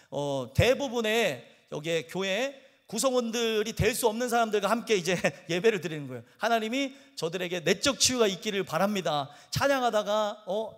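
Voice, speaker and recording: A man's voice: high voice, a bit bright, big-room sound. A male pastor telling a humorous story in a sermon and acting out the people in it. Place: church sanctuary.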